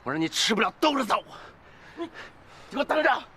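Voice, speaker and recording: A sharp, blazing-bright furious man, shouting threats, swinging all over in pitch. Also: very animated, quick pace, a little hiss or hum, exaggerated voice. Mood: enraged. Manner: shouting, enraged.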